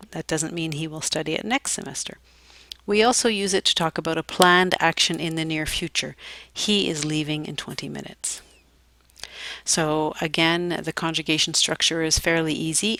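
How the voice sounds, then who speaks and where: A woman teaching English grammar at a slow, deliberate pace, her voice sitting a little low. The sound is dry and close, with no room around it. Now and then she slips in a deadpan aside. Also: no echo. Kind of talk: grammar lesson to students.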